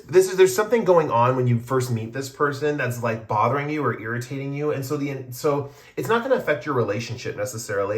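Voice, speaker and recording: Guy doing a chill tarot reading, mid pitch voice, rambly and conversational. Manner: meandering, conversational explaining to viewers. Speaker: tarot reader. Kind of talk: casual pick-a-card tarot reading to camera.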